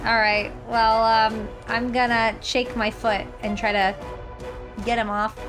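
A woman's voice: on the high side, level tone, unhurried, over music. A woman playing a tabletop game, chatting casually in a bubbly, giggly way. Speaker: player.

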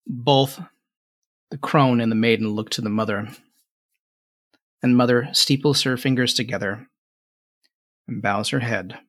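A man with a mid-pitched voice works as game master, improvising scenes for a tabletop fantasy game. He describes things in halting pieces, rephrasing as he goes. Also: steady tone, a bit bright.

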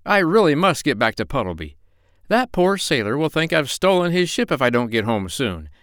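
A man voicing a kindly middle-aged doctor who frets and muses slowly. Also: fairly high pitch, very animated, a bit bright, no echo, pitched above the performer's own voice. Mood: fretful. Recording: dry close recording.

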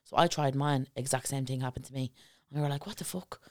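A woman's voice: a bass voice, fast talker, dry recording, clean studio sound. A woman co-hosting a podcast, telling a story in casual chat and acting out what everyone said, with the odd swear. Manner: animated storyteller acting out quotes, swears freely. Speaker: podcast co-host.

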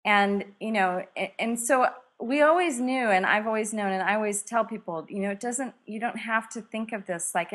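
A middle-aged woman author, guest in a conversation, telling a story and acting out quoted lines with laughter. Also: medium pitch. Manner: animated, acts out quotes with laughter.

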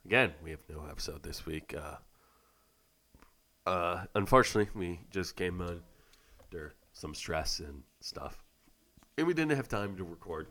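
A male podcast host with a nasal, congested voice, giving a halting, casual announcement full of filler sounds. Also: low voice, fairly bright tone. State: congested from illness.

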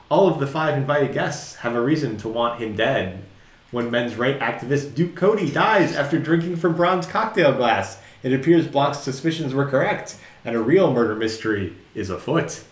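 A man co-hosting a casual film chat, with a fairly high voice that rises and falls a lot. He sounds as if he is in a roomy, echoing space. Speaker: podcast co-host. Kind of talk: casual chat with a read plot summary. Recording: roomy echo.

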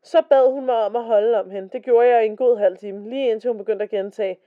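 A woman's voice: a little high, fairly even intonation. A woman co-hosting a casual podcast, reading stories aloud and chatting. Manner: chatty, reads quotes in a slower voice. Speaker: podcast co-host. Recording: dull lo-fi podcast recording.

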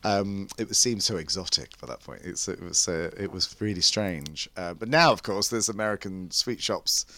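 British male host, middle-aged, lowish pitch, bright tone, casual gushing chat, rambling, lively intonation. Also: moderate pace, creaky.

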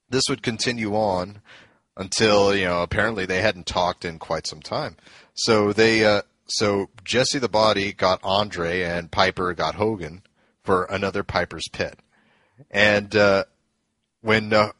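A man's voice: on the low side, fairly bright tone, no echo. A man casually retelling old wrestling events, rambling with plenty of fillers and restarts. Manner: loose storytelling with many fillers and restarts. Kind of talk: casual wrestling history chat.

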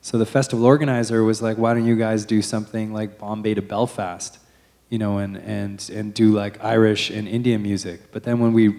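Mellow low-voiced man telling a story. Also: little pitch movement, brisk, creaky. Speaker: DJ and band member. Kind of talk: casual interview chat.

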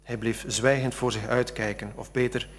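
A man, an author, reading a passage from his novel aloud after explaining it with halting speech. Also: mid-range voice, steady tone. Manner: halting, with many fillers when talking freely.

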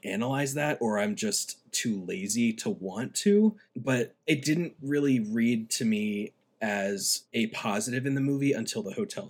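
Opinionated man reviewing a film. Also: on the low side. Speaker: podcast co-host.

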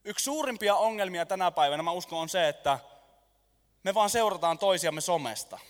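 A man preaching a lively sermon to a congregation, jokey and animated, staging a skit with volunteers. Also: high voice. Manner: animated, jokey, lets the room laugh. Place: church hall. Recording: long reverb of a large hall.

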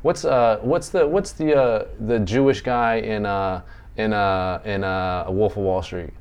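A man's voice: lowish voice, a little slow, a little mellow, clear, resonant tone. A man hosting a podcast in casual chat, rambling and self-deprecating, laughing easily. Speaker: podcast host.

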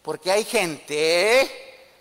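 A man's voice: high-pitched, lively intonation, drawn-out words, a bit bright, big-room sound. A man preaching a sermon, telling a story and making rousing calls to the congregation. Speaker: pastor.

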